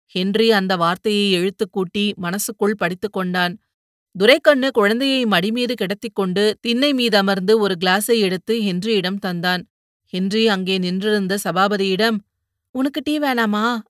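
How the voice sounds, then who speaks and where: A woman narrating a story in a steady, measured reading. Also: mid-range voice, no echo, clean studio sound. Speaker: audiobook narrator. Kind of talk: scripted narration.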